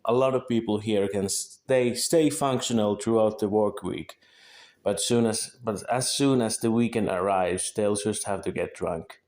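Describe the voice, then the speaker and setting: Reading a scripted monologue a little slowly, this young Finnish man speaks in a darkish voice on the low side. He's a video creator in his early twenties, a native Finnish speaker with a Finnish accent, who carefully fixes small slips.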